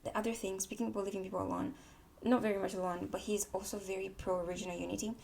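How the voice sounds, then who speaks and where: A woman's voice: mid-range voice, flat delivery, fast talker, vocal fry, a little mellow, slight background noise. A woman from Tanzania, English her second language, giving a candid opinion monologue with repeated words for emphasis. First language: not English. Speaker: political commentary vlogger. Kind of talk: casual opinion monologue to camera.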